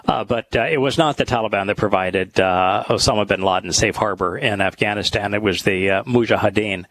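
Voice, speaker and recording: Low-voiced man hosting a talk show. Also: fairly bright tone, low-quality recording. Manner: halting, thoughtful, with many pauses. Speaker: host. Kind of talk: talk show with scripture study.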